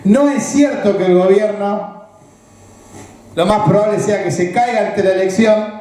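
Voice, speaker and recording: A man with a Rioplatense Argentine accent lays out a political analysis as a speech, pausing to ask whether his listeners follow. His voice sits high but with a mellow, dark tone. The recording is heavily echoey and roomy. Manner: explanatory, asks the audience rhetorical check-in questions. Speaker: political speaker.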